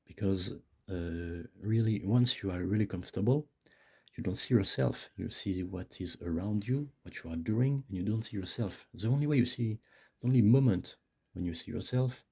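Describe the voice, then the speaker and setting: Man, deep and husky, rambling casually right up against the mic, hesitant delivery. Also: normal speed, a little mellow. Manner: hesitant, searching for words, loses his thread. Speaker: video creator. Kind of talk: casual rambling monologue, self-help musing. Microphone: very close to the microphone. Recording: close-miked with mouth clicks.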